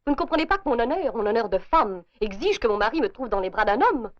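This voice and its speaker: Une actrice jouant une femme mariée intrigante et audacieuse, au ton vif et théâtral, dans un vieux film. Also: female voice, a little high, sing-song. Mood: scheming. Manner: brisk, commanding, theatrical. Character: scheming bold married Parisian woman. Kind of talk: 1930s French film acting. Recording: dull lo-fi old film soundtrack.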